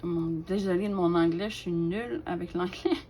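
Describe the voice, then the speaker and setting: A woman, casually showing off her craft collection, chatty and hesitant with lots of fillers and soft laughs. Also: on the low side, moderate pace, slight background noise. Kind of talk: casual show-and-tell.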